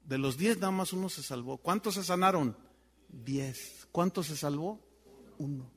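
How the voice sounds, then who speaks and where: Pastor preaching, high lively voice, acts out the people in his stories, long echo of a big hall. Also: unhurried, slightly rough. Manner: animated storyteller acting out voices, wide swings in pitch and volume. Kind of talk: sermon with storytelling.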